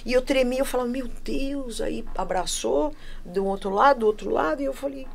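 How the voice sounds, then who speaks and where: A woman from São telling a personal story in casual chat, animated and acting out the voices of the people she quotes. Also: a little high, moderate pace, creaky. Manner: animated, acts out quoted voices, laughs often. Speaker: guest.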